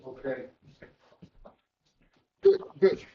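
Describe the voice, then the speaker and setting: A man's voice: drawn-out words, slight background noise. A man from Mississippi, speaking earnestly and insistently during public comment, heard on a courtroom-style meeting recording. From Mississippi, USA. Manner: earnest and insistent, pressing his points. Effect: lo-fi public meeting hall recording, like a courtroom tape. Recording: dull lo-fi meeting room recording.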